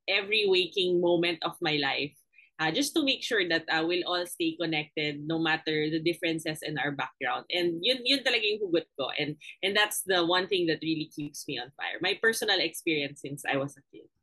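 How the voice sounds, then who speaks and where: A young Filipino woman with a Filipino accent, speaking earnestly and reflectively as an interview guest, with frequent pauses and fillers. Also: lowish voice, pushed and bright, rough recording. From Philippines. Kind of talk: conversational interview.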